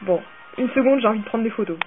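A woman's voice: a little high, fast. A woman playing a video game and commenting casually, swearing and getting worked up as she goes. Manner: swearing, excitable, rambling. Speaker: game player. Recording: tinny phone-like sound with faint music.

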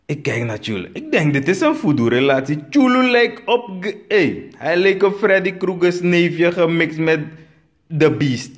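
A man from Suriname with a Surinamese Dutch accent, telling a comic story and acting out the dialogue, with sudden high bursts. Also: sing-song, measured pace. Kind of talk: storytelling comedy.

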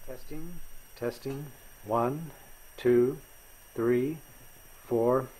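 A man counts off a plain sound test, his voice squeezed through an AM radio equalizer filter. Underneath, his tone is mellow and slightly husky, and it sits at a distance from the mic. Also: mid-range voice, drawn-out words. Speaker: instructor. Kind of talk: software demonstration.

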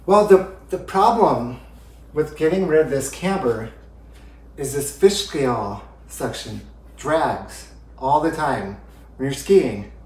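A man's voice: medium pitch, animated, takes it slowly, a little mellow, distant mic. A man in his thirties giving a home ski tutorial in a living room, explaining step by step as he handles the skis. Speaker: ski instructor. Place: living room by a brick fireplace. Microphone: far camera. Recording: roomy living room, voice from afar.

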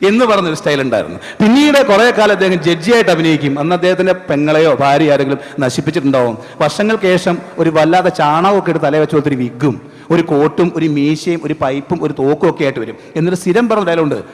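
A man's voice: fairly high pitch, fast. A man, a mimicry artist, talking to the audience in conversational stage comedy patter. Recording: stage hall reverb.

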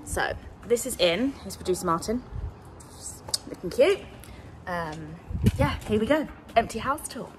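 Vlogger, woman, 30s: lively, animated delivery, playful tour-guide banter, phone audio bouncing off bare walls. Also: on the high side. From England. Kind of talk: casual house-tour vlog. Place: empty house with bare rooms and wood floors. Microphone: phone held at arm's length and on a tripod. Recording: echoey empty rooms, noticeable noise.

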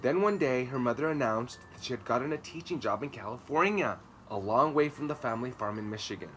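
With lively intonation and a fairly bright, medium-pitched voice, a man in his thirties reads a children's story a little fast. He sits on a garden patio outdoors, giving the text emphatic, dramatic phrasing over clear ambient noise.

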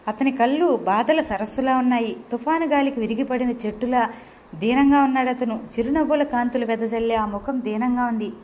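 A woman narrating an audio novel with steady, expressive storytelling. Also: on the high side, a little hiss or hum.

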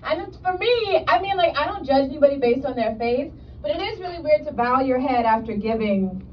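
Woman, stand-up comic, high-pitched, loose chatty delivery, muffled distant recording, roaring audience laughter. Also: animated, brisk, some chatter behind, a little hiss or hum. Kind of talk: stand-up set. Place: comedy club stage. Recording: distant mic, dull lo-fi sound, loud audience laughter.

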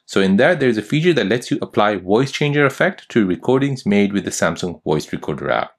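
A young man narrating a step-by-step phone tutorial as host, giving steady instructions. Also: on the low side, brisk.

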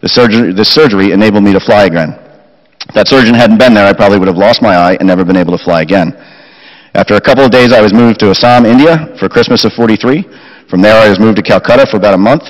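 Fast-reading man at a chapel lectern. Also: on the low side. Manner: steady reading with quoted recollections. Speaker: chapel speaker. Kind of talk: reading a family war story aloud. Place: school chapel, indoors. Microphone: lectern mic. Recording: chapel reverb.

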